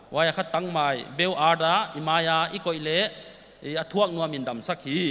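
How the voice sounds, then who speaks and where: A man's voice: sits high, a bit bright. A man giving an informational talk at a festival, explaining and listing nutrients and health terms. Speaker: festival speaker. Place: large hall. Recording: long hall reverb.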